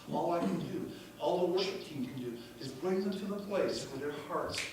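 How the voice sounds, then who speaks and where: A man preaching a sermon in a church, moving from easy storytelling to loud, exclaiming praise with the odd laugh. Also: on the high side, background noise. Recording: echoey church room, voice from far off.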